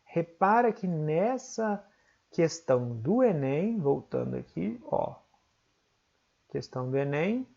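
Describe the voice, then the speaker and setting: A man with a Brazilian accent teaching an online exam-prep lesson, explaining step by step and often checking in with quick tag questions. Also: on the high side, very animated, vocal fry, a little mellow, highs cut off.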